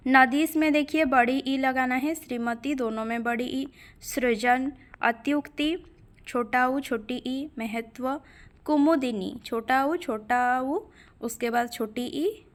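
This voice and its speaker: Lady hindi teacher going slow word by word, kinda high voice. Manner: dictates words slowly, spells them letter by letter. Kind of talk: spelling lesson.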